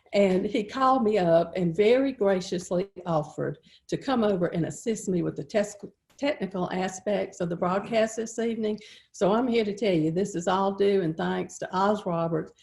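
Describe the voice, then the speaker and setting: Folksy woman emceeing a gala. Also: fairly low pitch. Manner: warm, folksy storytelling with filler words. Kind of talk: speaking to the camera at a virtual gala.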